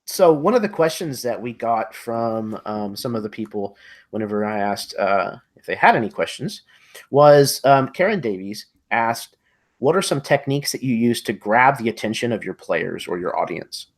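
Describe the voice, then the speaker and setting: A man hosting an interview, relaxed and easygoing, reading out audience questions. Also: medium pitch, normal speed. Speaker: host. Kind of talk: casual interview talk.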